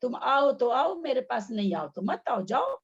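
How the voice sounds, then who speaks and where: A woman's voice: high voice, big pitch swings, measured pace, breathy edge, muffled recording, exaggerated voice. A woman voicing a talking vowel letter, easygoing and playful, as a teaching example. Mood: teasing.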